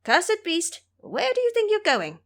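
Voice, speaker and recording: An excitable monkey hero, played by a woman for an audio drama. The voice leaps high and swings widely in pitch, brash and eager, exclaiming like a devoted disciple. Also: measured pace, exaggerated voice. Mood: fierce.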